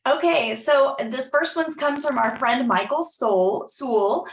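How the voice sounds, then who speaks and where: A woman with a fairly high voice moderates a webinar, briskly reading out questions from the audience. Her voice sounds roomy and echoey. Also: highs cut off. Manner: brisk, reads questions aloud. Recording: roomy echo.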